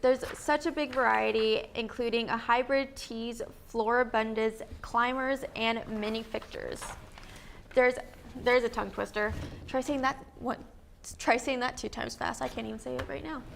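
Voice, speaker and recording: A woman's voice: a little high, steady tone, normal speed, vocal fry, slight background noise. A young woman co-hosting a student local news feature, reading an upbeat, jokey script with small stumbles. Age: young adult.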